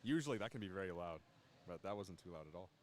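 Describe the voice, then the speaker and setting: A man's voice: low-pitched, lively intonation, fast, a little hiss or hum. A man doing casual live commentary at a fencing tournament, chatty and joking as he plays with the soundboard.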